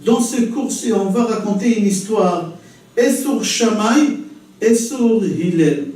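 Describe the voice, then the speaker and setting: A man tells a story during a lesson on the weekly Torah portion, circling back over his phrases. His voice sits fairly high with a mellow tone. The sound is very echoey and distant from the mic. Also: takes it slowly. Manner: lively storytelling, repeats phrases. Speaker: religious teacher. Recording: very echoey room, far from mic.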